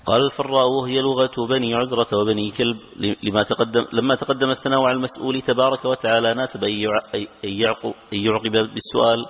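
A man reading a classical commentary aloud to his teacher, briskly, with occasional stumbles and restarts. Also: mid-range voice, level tone. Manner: brisk recitation with occasional stumbles and self-corrections. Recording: tinny phone-like lecture recording with long hall reverb.

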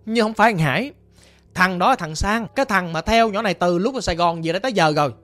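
A woman with a Southern Vietnamese accent narrating a ghost story in a hushed, somber, conversational way. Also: mid-range voice, animated, fast talker.

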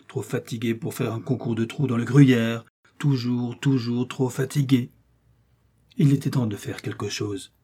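A man reading a children's story aloud with a gentle, expressive delivery. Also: mid-range voice, slightly rough. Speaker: narrator.

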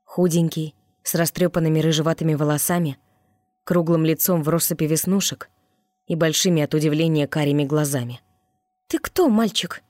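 A narrator reading a fantasy audiobook in a measured, descriptive way. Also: medium pitch, little pitch movement, a little mellow, dry recording, clean studio sound.

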